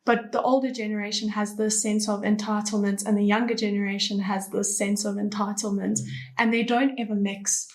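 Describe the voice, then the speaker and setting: A woman's voice: medium pitch, flat delivery, brisk. A woman in her early twenties on a panel, giving a reflective opinion in plain words. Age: 20s. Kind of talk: casual panel discussion.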